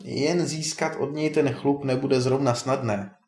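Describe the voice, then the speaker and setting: A man voicing a kindly, teasing old male wizard in a storybook tale, a bit higher than his narration. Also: fairly even intonation, darkish tone, close to an everyday voice. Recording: roomy echo.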